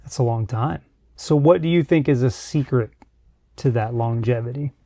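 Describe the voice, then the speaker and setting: Man, mid-pitched, casual interviewer, informal questioning, very dry room sound. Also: moderate pace, warm tone, dry recording.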